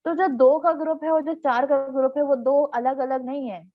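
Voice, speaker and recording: A woman teaching an online grammar class, explaining patiently and reading examples slowly. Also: high voice, fairly even intonation, dry recording. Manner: patient explaining, reading English examples slowly, frequent "theek hai" check-ins. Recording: tinny phone-like online class audio.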